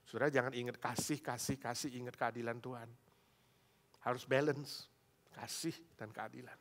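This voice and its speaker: A male pastor preaching a sermon in a lively, colloquial way, addressing the congregation directly and punching key words. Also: mid-range voice, moderate pace. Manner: animated, colloquial, emphatic, addresses listeners as "saudara". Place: church.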